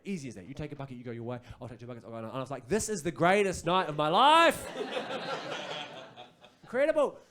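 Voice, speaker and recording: A man with a New Zealand accent performing a stand-up comedy set on a club stage, telling stories and acting out other people's voices. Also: on the high side. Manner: animated storytelling, acts out voices.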